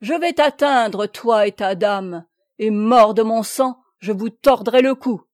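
A woman voicing a furious, vengeful male knight who shouts his threats. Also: a little high, slow pace, no room sound, clean studio sound. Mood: raging. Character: raging middle-aged male knight, vengeful.

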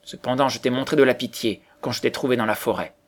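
A man voicing a plain, kindly old woodcutter who answers calmly. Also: medium pitch, fast, close to an everyday voice.

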